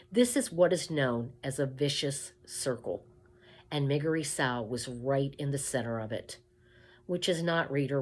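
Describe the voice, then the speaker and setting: A woman with a deep voice reads a children's story aloud expressively, placing deliberate emphasis and speaking directly to the listener.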